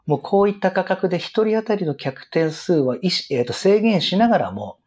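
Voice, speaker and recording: A middle-aged man with a husky, rough voice explains business strategy in an interview in an earnest, emphatic way. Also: high-pitched, big pitch swings, a little fast, a little mellow. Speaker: retail business guest expert.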